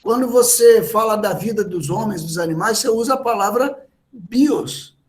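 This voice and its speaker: A man's voice: high voice, normal speed. A Brazilian man with a Brazilian Portuguese accent, preaching a teaching sermon and explaining words one by one.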